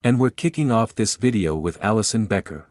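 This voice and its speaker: A man's voice: fairly low pitch, lively intonation, fairly quick, a little mellow. A man hosting a video and reading scripted narration.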